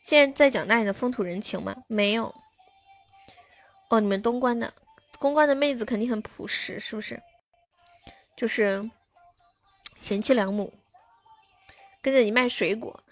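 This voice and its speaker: A woman's voice: fairly high pitch, moderate pace, long pauses, faint music behind. A young woman hosting a live stream, chatting casually with her viewers and answering their comments.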